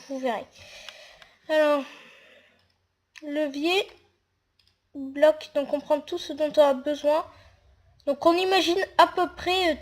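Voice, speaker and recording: A woman talking through a casual game tutorial while she builds, hesitant and full of fillers. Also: sits high. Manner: hesitant, narrates actions with fillers.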